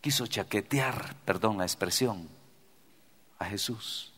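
A man preaching a sermon as pastor, swinging between loud cries and hushed prayer. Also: fairly low pitch, slow, slightly rough. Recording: long hall reverb.

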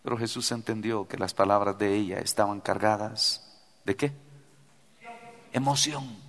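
A man preaching a sermon as pastor, swinging between loud cries and hushed prayer. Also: lowish voice, fairly even intonation, measured pace. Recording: long hall reverb.

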